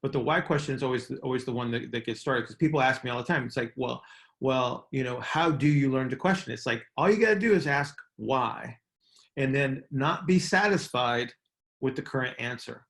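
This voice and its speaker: Here a middle-aged man leads an informal coaching call in a medium-pitched voice that is creaky, slightly bright, and fairly quick. He explains emphatically, repeats important words, and regularly checks in by asking "right?"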